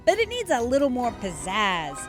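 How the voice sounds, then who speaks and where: Mad Hatter, a woman doing a loud eccentric man. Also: on the high side, huge pitch swings, moderate pace, over music. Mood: excited. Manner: loud, emphatic, hollering. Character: eccentric excitable male hatter at tea party.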